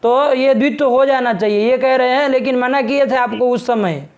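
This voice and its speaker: A middle-aged man teaching a Sanskrit grammar class online, brisk and scolding as he presses a student to state his question clearly. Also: very high voice.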